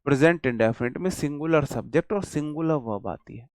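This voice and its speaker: A man from India teaching an English grammar class, speaking slowly and emphatically, drawing out example words and asking questions he answers himself. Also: fairly high pitch, a little mellow, no room sound, studio quality. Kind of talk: classroom lecture.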